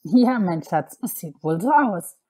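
A woman voicing a loving old grandmother in an audiobook, soft and husky. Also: fairly low pitch, expressive, a little slow. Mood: tender.

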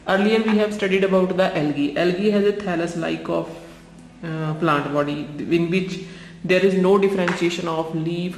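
Echoey North Indian woman teaching biology. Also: fairly low pitch. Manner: repeats phrases slowly for dictation, mixing in Hindi. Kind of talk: school lesson explained while writing notes. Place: indoors in a hard-surfaced room. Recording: echoey hard room with background noise.

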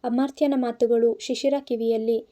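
A woman narrating a scripted audio story in a steady, dramatic reading. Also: a little high, normal speed, muffled recording.

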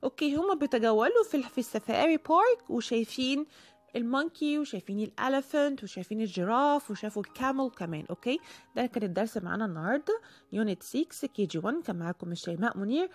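A woman with an Egyptian Arabic accent teaching English to young children, repeating each word slowly to drill its pronunciation. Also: a little high, expressive. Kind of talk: recorded video lesson.

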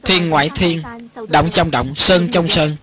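A man reading every part of a film as a voice-over, in an even and lightly acted way. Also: on the high side, a little slow. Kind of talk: lector voice-over reading all parts.

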